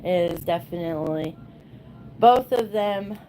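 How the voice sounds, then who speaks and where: A woman's voice: lowish voice, a little slow, mellow, slight background noise, low-quality recording. A woman in her thirties ranting bluntly and sarcastically to her livestream viewers in casual chat. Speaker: livestream host.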